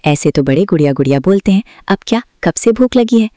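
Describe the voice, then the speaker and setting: A woman's voice: lowish voice, animated, fast, warm tone, no room sound, studio quality, pitched above the performer's own voice, natural voice. A woman voicing a sulky, playful young bride in a storybook. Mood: pouty. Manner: pouty, teasing.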